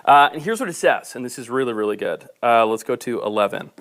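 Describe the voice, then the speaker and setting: A man preaching a sermon to a camera, impassioned, swinging between loud emphasis and soft, gentle asides. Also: medium pitch, animated, fast. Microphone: camera mic.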